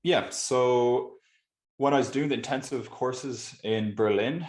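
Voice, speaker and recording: A man's voice: medium pitch, takes it slowly. A man with a west of Ireland accent chatting casually and informally as an interview guest. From Galway, west of Ireland. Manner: informal, hedging with 'kind of'. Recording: roomy, echoey sound.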